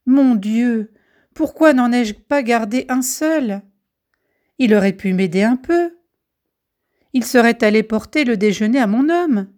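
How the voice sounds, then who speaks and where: A woman's voice: fairly high pitch, lively intonation, measured pace, pauses often, darkish tone. A woman voicing a lonely housewife who speaks tenderly to a tiny child. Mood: tearful. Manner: tender, pleading.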